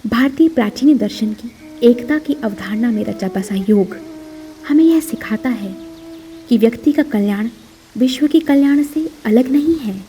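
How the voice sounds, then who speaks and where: A woman giving formal, measured scripted narration for a government podcast. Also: fairly high pitch, lively intonation, warm tone.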